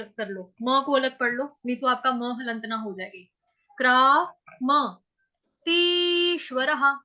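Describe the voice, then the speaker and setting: Bright high-voiced woman teaching Sanskrit chanting. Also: dull audio. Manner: breaks words into syllables, repeats them slowly, chants verse lines drawn out. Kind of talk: syllable-by-syllable pronunciation lesson.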